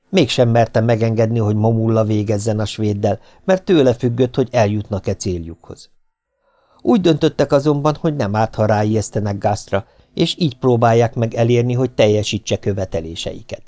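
A man reads an audiobook in a steady, measured voice at a middle pitch. The recording is close and dry, with no room sound. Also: no echo. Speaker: audiobook reader. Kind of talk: audiobook narration.

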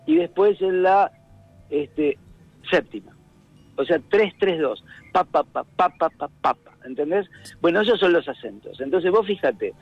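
A man's voice: fairly high pitch, dry recording, rough recording. A middle-aged man with a Rioplatense Spanish accent, a radio columnist talking casually, thoughtful and searching for words, now and then humming rhythms. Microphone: phone line. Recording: radio broadcast, faint music.

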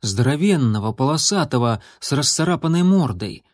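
A man's voice: medium pitch, lively intonation, moderate pace, no echo, clean studio sound, lightly acted. Earnest young warrior tomcat, read by a man. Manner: earnest, cautious. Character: brave young male warrior cat, caring brother.

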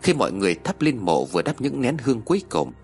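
A man narrating a first-person horror story in a measured, somber way. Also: on the low side, wildly swooping pitch, faint music behind.

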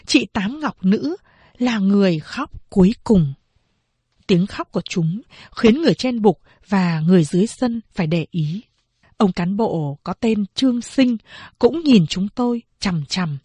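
A woman narrating a novel in slow, measured storytelling. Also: medium pitch, animated, warm tone, slightly rough, no room sound. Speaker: audiobook narrator.

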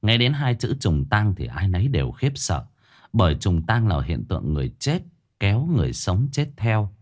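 A man's voice: on the low side, very animated, moderate pace. A man narrating a horror story with a dramatic, suspenseful delivery.

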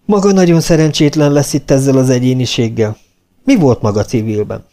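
A man's voice: mid-range voice, dark tone, close to an everyday voice. A man voicing a stern, dry male lieutenant colonel who speaks curtly and cuttingly, in an audiobook reading. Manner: curt, cutting.

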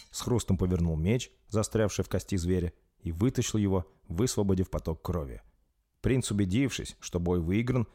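A man reading an audiobook aloud as its narrator, in a steady storytelling manner. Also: low voice.

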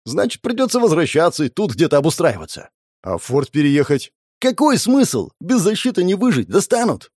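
A man's voice: a little high, very animated, moderate pace, a little mellow, no echo, studio quality, pitched above the performer's own voice. A man doing a frantic, cursing thug. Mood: bitter. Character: panicking furious male gang enforcer.

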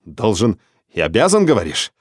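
A man voicing a desperate father who barks out his lines hoarsely in an audiobook story. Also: lowish voice, huge pitch swings, normal speed, dry recording, clean studio sound, full character voice. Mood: furious. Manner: hoarse barking.

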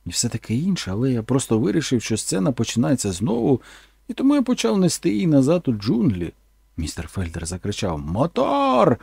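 Gravelly, husky man narrating a story. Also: medium pitch, huge pitch swings, quick pace, dark tone, no room sound, clean studio sound. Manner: plain, earnest storytelling. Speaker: audiobook narrator. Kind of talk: first-person audiobook narration.

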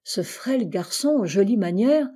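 A woman reading a classic novel aloud as an audiobook, in a measured, even way. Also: medium pitch, husky. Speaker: audiobook reader. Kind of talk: scripted literary narration.

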